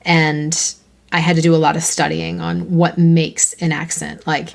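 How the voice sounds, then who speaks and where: A bubbly, talkative American woman co-hosting a casual writing podcast. Her voice sits a little low for a woman. She rambles happily and now and then jumps into high, excited squeals. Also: unhurried, vocal fry. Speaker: podcast co-host, fiction writer. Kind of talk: casual chat.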